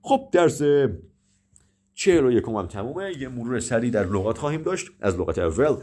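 A native Persian-speaking man teaches English vocabulary, explaining in Persian and reading English example dialogues slowly and carefully. His warm, mid-range voice swings widely in pitch, and he often repeats words and breaks off to correct himself.

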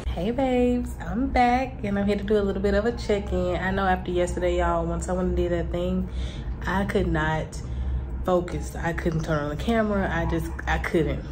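A woman's voice: fairly low pitch, steady tone, normal speed, background noise. A young woman vlogging a casual check-in as a student, sounding a little congested and nasal, chatty with lots of fillers. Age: young adult. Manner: chatty, rambling, many "um" and "like" fillers.

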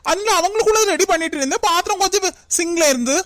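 A woman's voice: extremely high pitch, lively intonation, very fast, no room sound, studio quality. Woman voicing a defensive young daughter-in-law. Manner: pleading, defensive, argumentative. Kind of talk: cartoon comedy voice acting.

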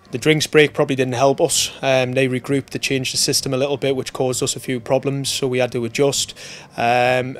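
Measured, flat-toned football manager. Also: male voice, medium pitch. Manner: steady, measured talk with frequent fillers and restarts. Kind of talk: post-match interview. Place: indoor press room in front of a sponsor board.

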